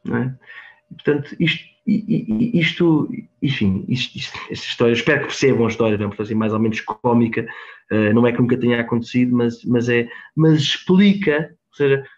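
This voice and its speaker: A man's voice: medium pitch, fast. A man with a European Portuguese accent gives a storytelling talk at a conference, repeating words and often tagging lines with a questioning "right?". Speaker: speaker at a conference. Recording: dull lo-fi conference recording.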